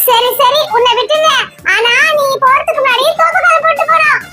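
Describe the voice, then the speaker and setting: A woman's voice: extremely high pitch, fairly quick, bright, forceful tone, soft background music. A woman voicing a brave little boy in a cartoon, who gives bold, bossy warnings.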